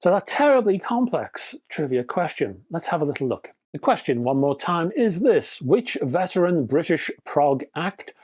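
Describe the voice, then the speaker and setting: Fairly high-pitched and sing-song, with a darkish tone and breathy edge, this hi-fi news host moves at a moderate clip with few pauses. Between scripted spec readouts in his news roundup he drops dry, wry jokes, and he chats with viewers, addressing them as folks.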